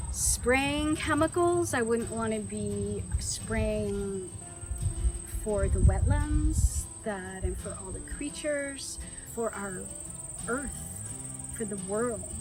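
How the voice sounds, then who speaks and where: A woman who owns an orchard, speaking slowly and earnestly in a documentary interview and sometimes restarting her sentences. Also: mid-range voice, rough recording. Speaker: orchard owner.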